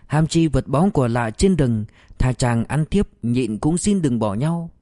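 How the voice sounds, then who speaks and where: A man voicing a poor young village wife who sings a slow, sorrowful lullaby. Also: medium pitch, expressive, dark tone, dry recording, clean studio sound, close to an everyday voice. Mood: mournful.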